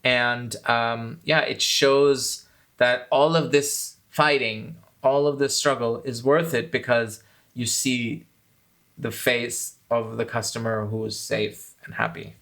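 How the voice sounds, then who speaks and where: Speaking slowly in a mid-range, fairly bright voice with little pitch movement, this channel host looks back on the making of one of his own documentaries. He is thoughtful and self-critical at first, then becomes enthusiastic.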